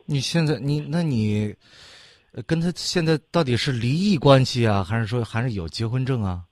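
Radio host guy, blunt and pushy, lively voice, dry mic. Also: medium pitch, moderate pace, no room sound. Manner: blunt, questioning. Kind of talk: call-in advice talk.

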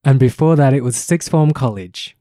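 A man's voice: medium pitch, moderate pace, dark tone, no room sound, studio quality. A man, hosting a podcast in casual chat and laughing often. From England. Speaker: podcast host.

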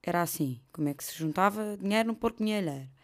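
A woman's voice: medium pitch, expressive, fast. A young woman with a European Portuguese accent, hosting a podcast as a casual comedic monologue, swearing freely and dropping into whispered asides. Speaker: podcast host.

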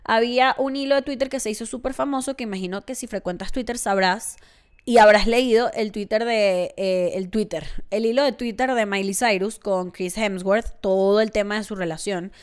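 A woman's voice: medium pitch, normal speed, clean tone. A woman in her twenties talking casually on her own podcast, chatty and self-mocking, often acting out the voices of people she quotes. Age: 20s. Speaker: podcast host. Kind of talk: casual solo monologue.

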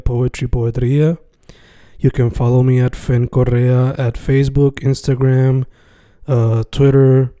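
A man hosts a casual podcast interview, and his voice is very dark and mellow. The sound is dry and close, and he hops between two languages within a single sentence. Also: mid-range voice, no echo. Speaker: podcast host.

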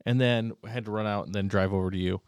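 A man, co-hosting a podcast in rambling, halting casual chat full of restarts. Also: lowish voice, fairly even intonation, darkish tone, smooth, no room sound, clean studio sound. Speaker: podcast co-host.

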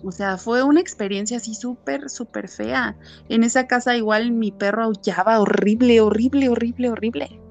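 A woman with a Mexican accent, telling a ghost story in a relaxed, chatty way, with many fillers, acting out what people said. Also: a little high, moderate pace, soft background music. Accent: Mexican Spanish. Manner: animated, many fillers, acts out quotes. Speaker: guest telling ghost stories. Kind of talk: casual storytelling chat.

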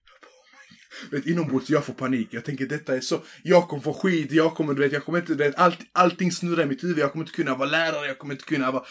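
A man's voice: on the high side, fairly even intonation, hardly any pauses, fairly bright tone. A young man in his twenties telling a story in casual chat, acting out quoted voices and throwing in English swear words.

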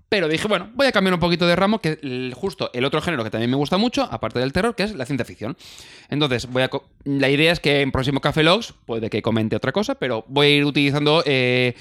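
Rapid rambling Spanish man. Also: medium pitch, fairly bright tone, dry recording, clean studio sound. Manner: rambling, self-correcting, jokey. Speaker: podcast co-host presenting his section. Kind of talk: casual banter. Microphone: studio microphone.

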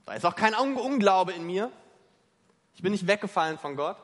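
A man's voice: high-pitched, lively intonation, brisk, fairly bright tone. A man preaching a sermon, emphatic and questioning his listeners directly. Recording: long reverb of a large hall.

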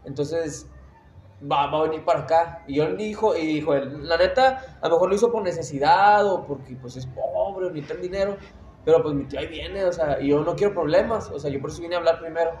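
A man's voice: a little high, quick pace, a little mellow, echoey room. A young man with a Mexican Spanish accent telling a story in casual chat, slangy and laughing as he acts out the voices of other people.

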